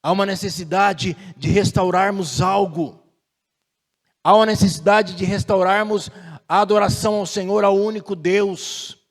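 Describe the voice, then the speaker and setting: A man preaching a sermon as pastor, measured and deliberate, slowing down and swelling in force on key phrases. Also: high-pitched, steady tone, in a large hall.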